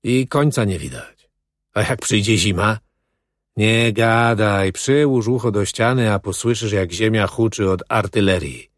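A man's voice: lowish voice, a little slow, dry recording, studio quality, lightly acted. A man voicing a weary, bitter male prisoner who talks in a brooding, resigned way.

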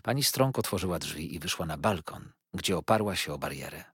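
A man reading a classic novel aloud in an expressive, theatrical way. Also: low voice, fairly quick, slightly rough, no echo, studio quality. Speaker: audiobook reader. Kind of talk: scripted narration of a classic novel.

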